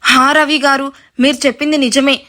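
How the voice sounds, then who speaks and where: A woman's voice: high voice, level tone, normal speed, bright, forceful tone. A woman reading as a cheeky eager teenage boy.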